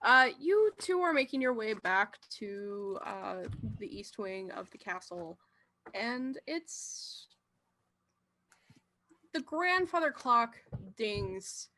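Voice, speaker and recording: A woman's voice: a little high, big pitch swings, takes it slowly, sharp tone, a little hiss or hum. A woman running a tabletop game as game master, narrating and checking in with players.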